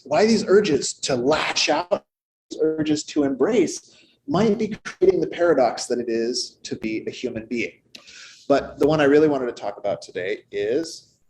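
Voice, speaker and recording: A man preaches a Sunday sermon in a loose, conversational way, tossing in playful asides. His pitch sits in a middle range for a man. A faint hum of room ambience lingers under his voice. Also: darkish tone, poor audio. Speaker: minister. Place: church sanctuary.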